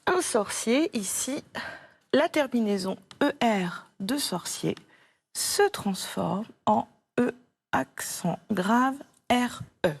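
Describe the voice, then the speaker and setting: French woman, primary teacher, slow careful delivery, patient and encouraging, dry close sound. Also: on the high side, expressive, vocal fry, husky, no room sound. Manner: patient and encouraging, repeating words slowly. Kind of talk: slow, clear classroom instruction to a child.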